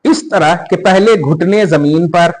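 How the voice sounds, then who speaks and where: A man's voice: high-pitched, measured pace, darkish tone, poor audio. A man explaining religious practice step by step in a podcast, emphatic and checking that the listener understands. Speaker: Islamic scholar teaching prayer. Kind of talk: religious instruction in a podcast conversation.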